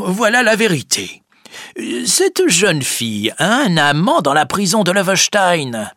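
A man's voice: a little high, pushed and bright, no room sound, studio quality, pitched above the performer's own voice, heavily acted. A man voicing a sly, nervous tulip grower in a storybook reading, fawning and hesitant, with stammers.

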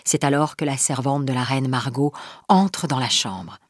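A woman narrates a historical tale in a calm, even storybook reading. Her voice sits low, and the recording is close and dry. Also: moderate pace, dry recording.

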